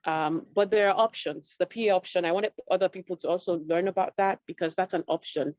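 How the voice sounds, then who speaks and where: A woman hosts an online panel, her voice low and measured. She sums up each guest's points steadily. The call audio is dry and a little muffled. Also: steady tone, a little mellow, no room sound. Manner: measured, summarizing questions. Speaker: host.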